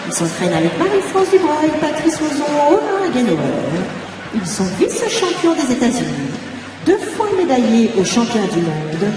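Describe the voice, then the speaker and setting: A woman making formal announcements over a public-address loudspeaker at an ice rink, in a measured, ceremonious delivery. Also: wildly swooping pitch, far from the mic, music in the background. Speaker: arena announcer. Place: large ice arena. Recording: booming loudspeaker in a vast echoing arena, heard from afar.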